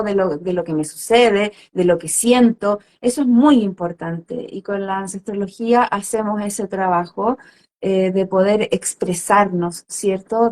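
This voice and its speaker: A woman, speaking as a holistic therapist in a calm, reflective conversational way, with many fillers and tag questions. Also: medium pitch. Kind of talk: conversational explanation.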